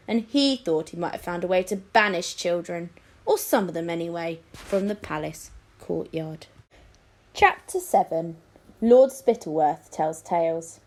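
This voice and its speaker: In a medium-pitched voice, a woman reads a children's story aloud the way a teacher would, narrating expressively.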